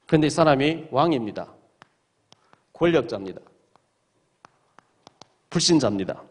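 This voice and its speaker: A male pastor preaching a sermon in a church, reading scripture aloud and retelling the stories with dramatic emphasis. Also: on the high side. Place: church sanctuary.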